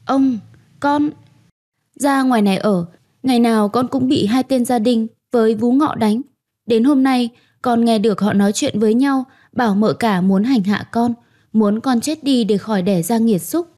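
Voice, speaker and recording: A woman playing a young pregnant servant girl, crying and pleading in a storybook reading. her voice climbs high and shaky as she begs, with a mellow, warm tone underneath. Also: normal speed, close to an everyday voice. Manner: tearful, begging.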